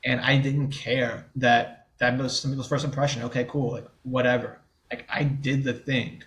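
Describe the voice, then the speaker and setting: As a podcast interview guest, a man in his twenties from the New Orleans area speaks at a moderate pace in a medium-pitched, level, fairly bright voice. He stutters openly, with blocks and repeated sounds, yet stays candid and easygoing.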